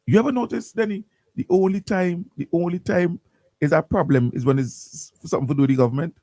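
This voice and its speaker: A man's voice: medium pitch, dark tone, dry recording. A man hosting morning radio talk, ranting animatedly with lots of repeats and restarts in a studio. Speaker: radio host.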